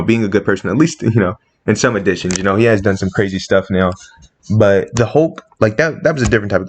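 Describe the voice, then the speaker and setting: Male commentator, casual monologue, passionate and indignant in tone. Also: on the low side. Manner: impassioned, rising sharply when indignant. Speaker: comics commentator.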